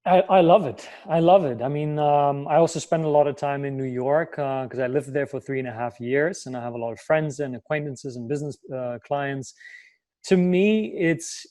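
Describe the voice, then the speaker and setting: The young life coach from Germany, whose first language is German, now has a fairly high voice at normal speed with no echo. Full of energy, he fields the interviewer's questions in English, leaning heavily on fillers.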